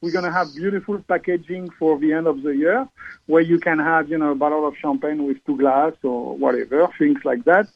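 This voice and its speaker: French guy on a radio show, halting, lots of uh's, taped off the radio, muffled lo-fi sound. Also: fairly high pitch, fairly even intonation, creaky. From France. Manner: halting, many fillers and restarts. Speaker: guest, champagne seller. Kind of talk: radio talk show interview.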